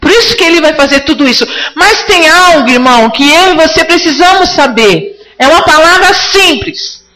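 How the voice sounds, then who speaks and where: A woman's voice: high-pitched, animated, normal speed, pushed and bright, rough recording. A woman preaching a sermon to her congregation, fervent and rising now and then to cries.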